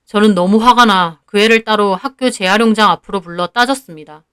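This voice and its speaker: A woman narrating a first-person story in an even, measured storytelling manner. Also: medium pitch, smooth.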